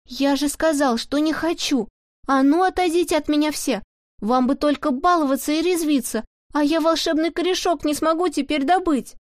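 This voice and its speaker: A woman voicing an upset young boy who ends up shouting in anger. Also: normal speed, dry recording, clean studio sound, close to an everyday voice. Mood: angry shouting. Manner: high, strained, shouting. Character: upset young boy, stubborn then tearful.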